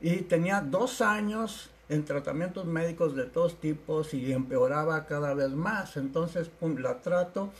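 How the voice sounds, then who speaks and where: A man who tells patient stories casually on a live stream, acting out the quoted voices and filling pauses with "eh" and "este". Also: on the high side. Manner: animated storyteller, acts out quotes, many fillers. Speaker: alternative health practitioner.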